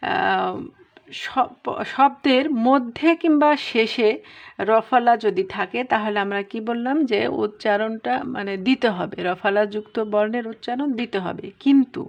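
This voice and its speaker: A woman teaching a pronunciation lesson, explaining rules step by step and drawing out each example word slowly. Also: a little high, muffled recording. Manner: patient, explains step by step, drawn-out example words. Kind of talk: spoken lesson.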